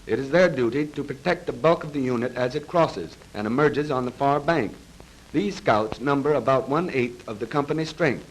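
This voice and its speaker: Recorded as a film voice-over, a man narrates military instruction in the manner of a 1930s training film, his pitch in the middle range for a male. He is formal, exact and evenly paced. The vintage soundtrack is rough, with slight hiss or hum.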